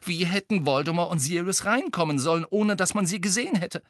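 Man voicing a high, fretful teen girl. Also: a little fast, a bit bright, no room sound, studio quality. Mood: worried. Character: anxious teenage schoolgirl, clever and insistent.

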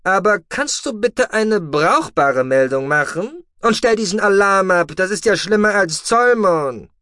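A man voicing a calm, dry-witted male alien ship commander in an audiobook, commanding and sardonic. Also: high-pitched, unhurried, no room sound, pitched above the performer's own voice, exaggerated voice. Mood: ironic.

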